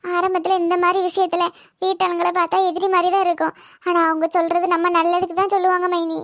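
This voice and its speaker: A caring young married sister-in-law coaxes and soothes, as a woman voices her. Her voice is very high, with a Tirunelveli Tamil accent. The sound is dry and close, typical of a cartoon voice track. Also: little pitch movement, fast talker, a bit bright, dry recording. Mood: coaxing. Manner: soothing, coaxing. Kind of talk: cartoon voice acting.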